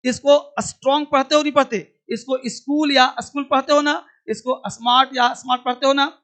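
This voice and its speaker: Brisk and steady, his extremely high, slightly bright voice carries an online English pronunciation lesson. He drills points repeatedly and quizzes the class warmly, calling each student child.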